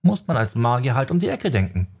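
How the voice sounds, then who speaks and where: A man's voice: mid-range voice, sing-song, fairly quick, creaky, a little mellow, slightly rough, pitched above the performer's own voice, full character voice. A man doing a wry, joking young mage. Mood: explaining. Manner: joking and explanatory. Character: wry young male elementalist mage and writer. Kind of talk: audiobook character voice.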